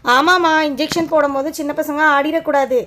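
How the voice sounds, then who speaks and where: A woman's voice: high-pitched, fairly even intonation, brisk, fairly bright tone, slight background noise. A woman voicing a patient adult nurse doll who soothes and coaxes a frightened child in a doll show. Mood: coaxing. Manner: soothing, coaxing, explaining step by step.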